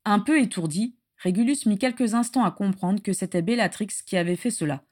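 A woman's voice: mid-range voice, brisk. Woman narrating a story steadily. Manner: steady narration with acted dialogue. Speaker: story reader. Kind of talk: reading fan fiction aloud.

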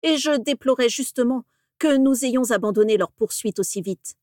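A woman's voice: a little high, moderate pace, darkish tone, no echo, studio quality, voice pushed up, natural voice. A woman voicing a cold, scheming old wizard patriarch in an audiobook reading, icy and contemptuous. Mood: stern.

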